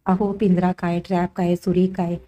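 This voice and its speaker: A woman's voice: fairly low pitch, flat delivery, normal speed, warm tone, close to an everyday voice. A woman reading the lines of a cornered but defiant young woman, indignant in tone.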